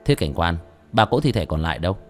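A man voicing a bold young male exorcist in an audiobook, brisk and low-key. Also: big pitch swings, faint music behind.

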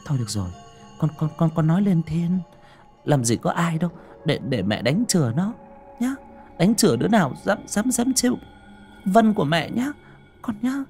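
A man voicing a young mother who gently coaxes and soothes her crying child. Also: on the high side, very animated, moderate pace, long pauses, faint music behind, voice pushed up. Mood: reassuring. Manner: gentle, coaxing, repeating words.

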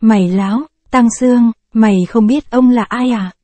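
A woman's voice: on the high side, fairly even intonation, moderate pace, warm tone, no room sound, natural voice. A woman reading the lines of a swaggering, lecherous male soldier in a storybook tale, brash and flirting. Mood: bullying.

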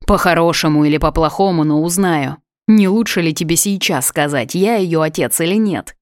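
A woman's voice: deep voice, moderate pace, a little mellow, no echo, clean studio sound, lightly acted. A woman voicing a furious young man who demands answers through clenched teeth, in an audiobook reading. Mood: angry demanding.

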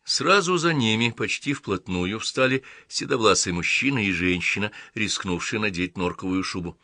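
A man narrating an audiobook in an even, measured reading. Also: on the low side, no echo, clean studio sound.

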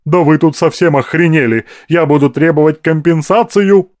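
A man voicing a fat, crude, lustful woman at a brothel, brash and demanding, and shrill when scared. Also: big pitch swings, moderate pace, a little mellow, no room sound, studio quality, natural voice.

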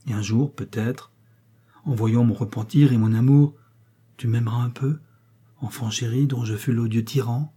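A man's voice: mid-range voice, fairly even intonation, moderate pace, mellow, breathy edge, close to an everyday voice. A man reading aloud as a passionate young prince, a husband pleading tenderly with his wife in a storybook. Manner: fervent, pleading.

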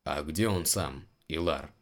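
A man's voice: extremely low pitch, takes it slowly. A man reading the lines of a rueful, bluff male guard in his own voice.

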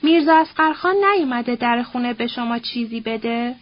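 A woman's voice: a little high, no room sound, highs cut off, lightly acted. A woman voicing a bitter, scornful old nobleman who curses and quotes proverbs in a sneering, coarse, grumbling way.

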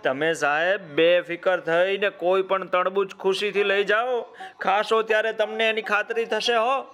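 A man voicing a sly, smooth-talking male shopkeeper who flatters customers and scolds a boy, in a children's story. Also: high voice, a little slow, soft background music, pitched above the performer's own voice. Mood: flattering.

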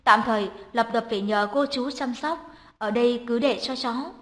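Woman reading as a firm, sure young woman in a storybook, soft when she comforts, voice sits a bit high. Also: moderate pace, natural voice. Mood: steady. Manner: gentle, soothing when comforting. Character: young woman, decisive and strong-willed.

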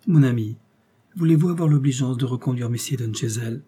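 A man playing a calm, courteous detective. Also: medium pitch, fairly quick, husky, close to an everyday voice. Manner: courteous and composed. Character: calm, polite male police detective.

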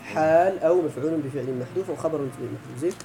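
A man with a Moroccan accent teaching an Arabic grammar lesson, chanting verses slowly and quizzing his students. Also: a little high, gravelly, mellow, slight background noise, low-quality recording.

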